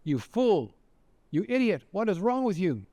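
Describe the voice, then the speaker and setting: A man voicing a male train passenger who loudly scolds a woman as if she were his careless wife. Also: fairly high pitch, animated, fairly quick, no room sound, lightly acted. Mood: exasperated. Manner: shouting, exasperated ranting.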